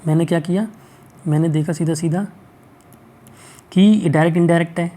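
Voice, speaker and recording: A male teacher going through exam questions, reading the English sentences out slowly and checking in often to ask whether it is clear. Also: on the high side, steady tone, mellow. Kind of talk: exam-prep lesson.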